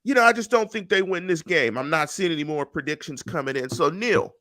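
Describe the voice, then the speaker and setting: Bright-voiced man hosting podcast. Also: on the high side, lively intonation, brisk, dry recording, clean studio sound. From Pittsburgh. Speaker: podcast host. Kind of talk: casual sports podcast chat. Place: home room. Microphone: headset and studio mic on video call.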